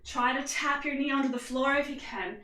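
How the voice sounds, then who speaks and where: Woman coaching a workout, high bright voice, upbeat step-by-step cues, echoey room with a distant mic. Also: brisk. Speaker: fitness instructor. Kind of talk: guided workout instruction.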